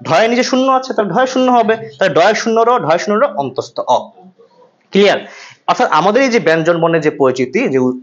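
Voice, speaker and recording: A man from Bangladesh leads a pronunciation class, his voice sitting a little high. He drills each sound aloud and keeps asking the class if they follow. The classroom recording is slightly muffled. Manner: drills sounds aloud with repetition and quiz questions. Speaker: pronunciation instructor. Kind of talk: classroom lesson.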